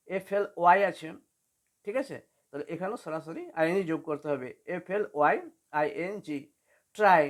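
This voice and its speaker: A woman teaching an English spelling lesson for beginners, patiently spelling words out letter by letter. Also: lowish voice.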